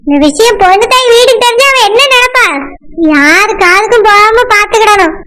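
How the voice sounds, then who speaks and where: A woman's voice: very high voice, animated, brisk, sharp tone, slight background noise, full character voice. A woman as a bossy, worried village mother. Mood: commanding. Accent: Kanyakumari Tamil. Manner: commanding, scolding. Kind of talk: village skit acting.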